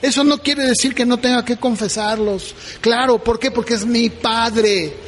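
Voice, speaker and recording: A middle-aged pastor preaches with a strikingly high voice. He keeps it conversational and keeps checking that his listeners follow him. His words ring out with the long reverb of a church hall. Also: fairly even intonation, moderate pace, a little hiss or hum. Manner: conversational preaching with frequent "¿verdad?" asides. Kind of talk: sermon.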